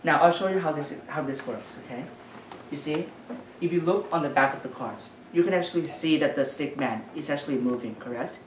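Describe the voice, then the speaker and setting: Low voiced lady doing a magic show at a kids party, asking and instructing, noisy background, distant mic. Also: fairly quick, echoey room. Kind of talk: live magic show patter for children.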